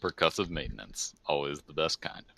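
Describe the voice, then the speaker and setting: A man's voice: extremely low pitch, lively intonation, moderate pace, vocal fry, a bit bright, slight background noise. A man playing a tabletop game, easygoing and casual as he plans with the group. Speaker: player.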